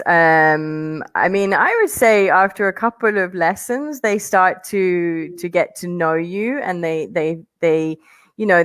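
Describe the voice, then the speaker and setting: A woman's voice: lowish voice, clean tone, no echo. A woman from London, with part of her childhood in Colombia, speaking with a neutral accent that is hard to place. She is an online English teacher talking as an interview guest over a video call, chatty and encouraging, and she laughs easily. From London, with childhood partly in Colombia. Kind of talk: casual interview. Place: home near Toronto.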